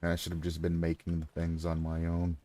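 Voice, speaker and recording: Deep-voiced man streaming a game. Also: completely flat delivery, brisk, dark tone. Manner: talks to himself and chat, sarcastic asides. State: clears throat often. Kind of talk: casual gameplay commentary.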